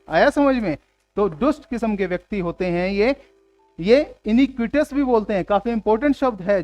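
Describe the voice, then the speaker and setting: A man teaching English vocabulary in Hindi for exam prep. He reads English words and sentences slowly and keeps asking the class whether they understood. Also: sits high, no echo. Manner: asks the class rhetorical questions.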